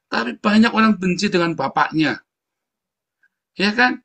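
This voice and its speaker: A man's voice: high voice, expressive, normal speed, vocal fry, pushed and bright. A man giving combative, mocking commentary in a preachy style, often turning to his listeners with a tag question. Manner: mocking, combative, keeps saying "saudara".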